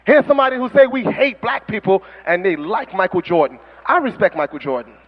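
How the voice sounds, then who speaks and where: A man preaching as an imam, fiery and mocking, in an animated sermon style, on a dull lo-fi recording. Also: high voice, a little fast, big-room sound.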